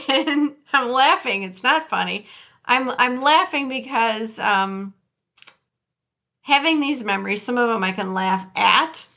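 A woman's voice: fairly high pitch, takes it slowly, vocal fry, bright, forceful tone. A woman with a Midwestern Detroit accent hosting a casual solo podcast, chatty and often laughing as she talks to her listeners. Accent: Midwestern American (Detroit). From Detroit area, USA. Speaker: podcast host.

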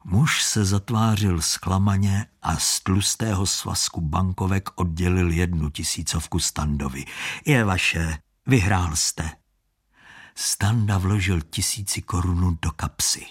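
A man narrating an audiobook story in an expressive, shifting storytelling manner. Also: deep voice, slightly rough.

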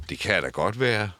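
Older male guest, casual chat, stammers and restarts, very deep voice, dry studio mic. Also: fairly bright tone, no echo. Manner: stammering, repeats words and restarts. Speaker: interview guest. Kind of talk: casual conversation. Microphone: headphones and studio mic.

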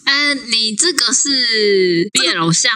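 A young woman, co-hosting a casual podcast, reacting and asking quick questions. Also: on the high side, animated, pushed and bright, clean tone. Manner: reactive, asks questions and adds quick quips. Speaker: podcast co-host. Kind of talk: casual chat.

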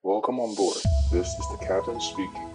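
A man's voice: deep voice, fairly even intonation, moderate pace. A man playing an airline captain making a formal cabin announcement, with a distant sound like an aircraft speaker. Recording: voice set under loud music.

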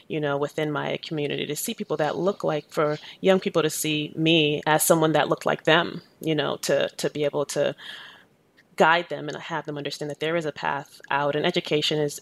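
A woman's voice: low voice, gravelly. A woman in her thirties who was born in Jamaica, answering interview questions in a thoughtful, earnest way, often with "you know.". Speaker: educator and activist, interview guest.

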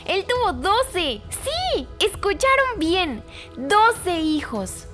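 High, animated woman storyteller. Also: very slow, soft background music. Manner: animated, expressive, emphatic repetition. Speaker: children's storyteller host. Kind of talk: scripted story narration for children.

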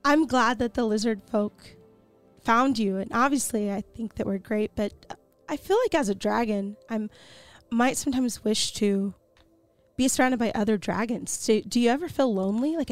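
A woman's voice: a little high, normal speed, faint music behind. A woman playing a tabletop game, casual and a bit hesitant as she asks questions. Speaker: player.

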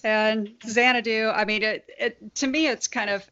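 A middle-aged woman in a casual group chat, telling a rambling anecdote in a relaxed way. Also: on the high side, normal speed, no room sound. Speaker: podcast co-host, mother of a co-host. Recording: dry, dull lo-fi recording.

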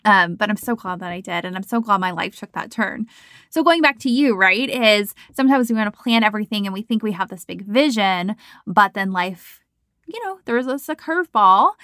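A woman's voice: mid-range voice, expressive, moderate pace, a bit bright, no echo, clean studio sound. A woman in her thirties hosting a podcast as a coach, talking casually and encouragingly with lots of "like" and "you know.". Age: 30s. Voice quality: chatty, frequent "like" and "you know".

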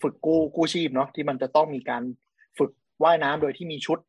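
A man's voice: fairly high pitch, fairly even intonation, fast talker, husky, no room sound. A man co-hosting a casual podcast chat, explaining things step by step and often restarting his words. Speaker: podcast co-host.

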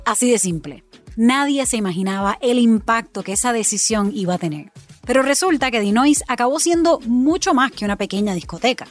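A woman from Puerto Rico with a Puerto Rican accent, hosting and narrating a documentary podcast in a measured storytelling way. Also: on the high side, lively intonation, faint music behind. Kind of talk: scripted narration.

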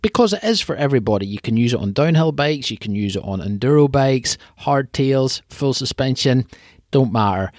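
In a clean studio recording with no echo, a man hosts a podcast, bringing on his guest and interviewing him in a friendly, informal way peppered with slangy address. His voice is medium-pitched and a little mellow, with lively intonation and a normal pace.

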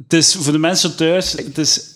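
A man hosting a relaxed film podcast, teasing his co-host with provocative jokes. His voice sits a little above average in pitch, and he keeps the chat loose. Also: moderate pace. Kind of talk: casual chat.

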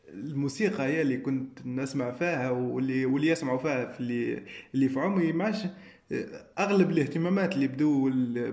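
A man's voice: on the high side, creaky, darkish tone, echoey room. A Libyan man in his twenties, a podcast guest, speaking in a reflective, hesitant way. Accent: Libyan Arabic. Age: 20s. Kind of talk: conversational interview.

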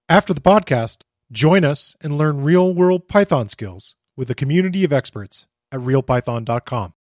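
A man hosting a podcast, reading the intro and asking questions in a steady manner. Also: mid-range voice, no echo, studio quality. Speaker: podcast host.

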